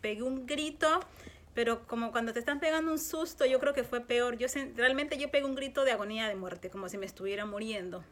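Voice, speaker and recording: Earnest woman recounting a dream. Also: on the high side. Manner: halting, repeats words and restarts often; earnest, emotional storytelling. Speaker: dream-sharing video host. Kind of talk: casual spoken testimony.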